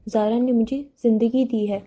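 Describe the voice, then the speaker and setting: A calm young man speaks softly and evenly about his feelings, voiced by a woman reading an audiobook. The tone is dark and mellow, sitting a little high. The story is a romance novel read aloud. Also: close to an everyday voice. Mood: calm tender. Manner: calm, soft-spoken lines.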